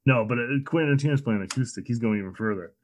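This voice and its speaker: A man co-hosting a casual movie podcast, trading crude quick quips. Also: mid-range voice, darkish tone, no echo. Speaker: podcast co-host.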